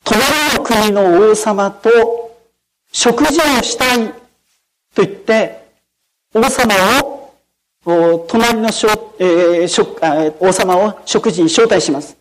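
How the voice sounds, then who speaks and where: Slow and mid-range, the voice is heard on poor audio. A pastor delivers a formal, explanatory sermon that includes storytelling, asking listeners questions and frequently ending sentences with solemn set phrases such as "de arimasu".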